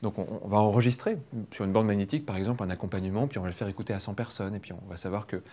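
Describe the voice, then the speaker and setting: Fast-talking French hypnosis trainer. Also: male voice, on the low side, mellow, a little hiss or hum. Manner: quick, explanatory, playful, jokes with the audience. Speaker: hypnosis trainer leading a public demonstration. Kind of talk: lively teaching talk to a live audience. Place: training room with an audience.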